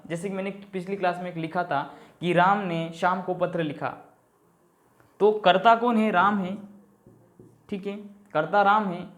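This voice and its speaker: A man's voice: high-pitched, fairly bright tone. A man teaching an exam-prep grammar lesson. He poses questions, answers them himself, addresses viewers as companions and keeps checking in with a short "okay".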